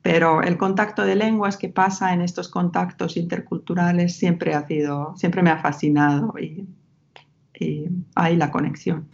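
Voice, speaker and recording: This Finnish-speaking woman from Ostrobothnia, Finland, appears as a researcher guest in an academic interview, speaking thoughtfully with a Finnish accent and many restarts. Her fairly low, creaky voice holds a steady tone at a normal speed, on a slightly lo-fi recording.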